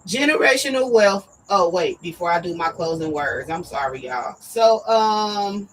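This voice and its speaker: A woman hosting a live talk show, talking directly and emphatically to her viewers, her voice going hoarse. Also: fairly low pitch, animated, unhurried, a little hiss or hum, poor audio. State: losing her voice. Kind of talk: casual live-stream talk.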